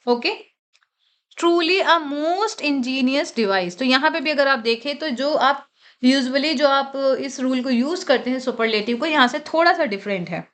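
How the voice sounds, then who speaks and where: A woman teaching English grammar for exam prep, reading rules slowly in English and explaining them in Hindi, often checking in with "okay?". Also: sits high, fairly bright tone.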